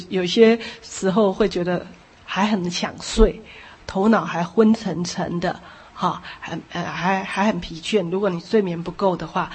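A woman preaching a sermon, repeating phrases for emphasis and adding lively asides. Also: medium pitch, breathy edge.

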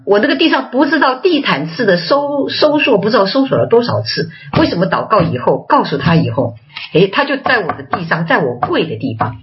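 A woman preaching a sermon, telling personal testimony in an animated, chatty way. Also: medium pitch, highs cut off.

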